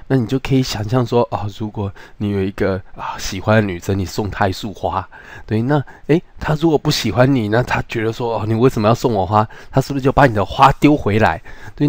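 A man with a Taiwanese Mandarin accent teaching English word roots, asking rhetorical questions and slowing down on English words. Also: medium pitch, a little mellow, no echo. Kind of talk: vocabulary lesson.

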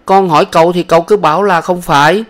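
A man's voice: sits high, fairly even intonation, fast talker, a bit bright, pitched above the performer's own voice. A man voicing an earnest, talkative young boy in a storybook reading. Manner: eager, pleading, childlike.

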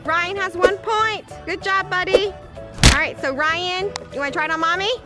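Playful high-pitched woman over music. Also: moderate pace. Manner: playful, excited. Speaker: mother hosting family game video. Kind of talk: casual family play chat. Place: outdoors in a grassy backyard. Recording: music over outdoor camera audio.

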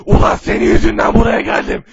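A man's voice: quick pace, no room sound, lo-fi sound, close to an everyday voice. A man voicing a brash, combative, foul-mouthed cartoon hero with a crude, hollering delivery in an amateur comedy parody dub. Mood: furious.

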